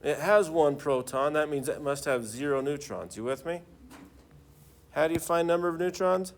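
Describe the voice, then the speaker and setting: Speaking at normal speed in a slightly high voice, a man lectures a class in a professorial style. He stays informal and frequently asks students questions to check in with them.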